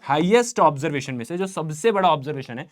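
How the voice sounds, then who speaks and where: A young man with an Indian accent teaches an online maths revision class. His voice sits high and sounds smooth and clear. He talks with lively energy, repeating key questions and answering them himself. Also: fast talker.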